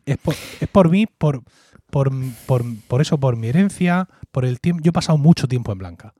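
Reflective and fond, a man from Murcia, Spain, tells stories while co-hosting a podcast, his Murcian accent clear and his lines frequently tagged with a questioning "¿no?". The voice is mid-range, warm and animated, at a moderate pace. Dry, clean studio recording.

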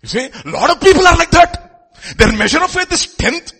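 Man, Indian accent, emphatic sermon, animated swooping pitch, bright forceful voice, rhetorical questions. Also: fairly quick, creaky. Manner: emphatic, repeats phrases, asks rhetorical questions. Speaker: preacher.

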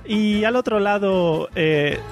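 A man's voice: high-pitched, takes it slowly, faint music behind. A man hosting a casual podcast, introducing his guests with jokes and laughing at his own lines. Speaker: podcast host.

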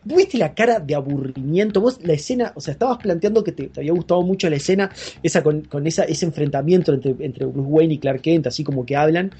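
A podcast co-host in casual banter, animated and incredulous, hesitating with many fillers. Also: medium pitch, fast, few pauses, breathy edge.

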